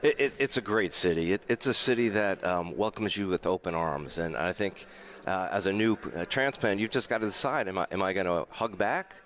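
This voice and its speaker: Deep-voiced New York man, repeating words. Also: brisk, fairly bright tone. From the Bronx, New York. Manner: fluent storyteller with frequent stammered restarts. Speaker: hotel general manager. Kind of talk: radio interview guest.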